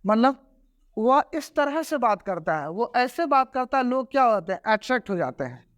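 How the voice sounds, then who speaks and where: Guy teaching grammar, really high voice, repeats examples, keeps asking if it's clear. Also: big pitch swings, moderate pace, fairly bright tone, dry recording, clean studio sound. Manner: repeats examples word by word, often checks for understanding. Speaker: English teacher. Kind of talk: spoken grammar lesson.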